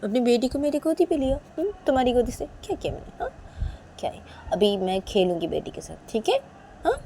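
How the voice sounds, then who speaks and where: A woman's voice: fairly high pitch, big pitch swings, a little fast, mellow, slight background noise, voice pushed up. A woman voicing a playful young woman who pleads and teases with repeated tag questions, in a storybook tale. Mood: wheedling. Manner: pleading, repeats "what is it?" and "haan?".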